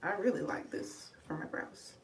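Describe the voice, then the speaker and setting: A young adult woman talks her viewers through a makeup tutorial in a chatty, casual way, calling them y'all and sounding out of breath. Her voice sits a little low and reaches the mic from a short way off. The room around her is echoey, with faint background noise. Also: expressive, normal speed, vocal fry. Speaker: beauty livestreamer. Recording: echoey room, voice slightly distant.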